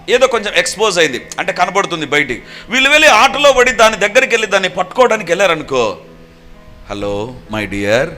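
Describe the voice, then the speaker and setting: A man preaches with fervour, his voice pitched high and bright, now dropping to a hush, now rising to a raised, urgent pitch. He slips English phrases into the sermon. Soft music plays underneath. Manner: fervent, swings between hushed and raised voice, mixes English phrases.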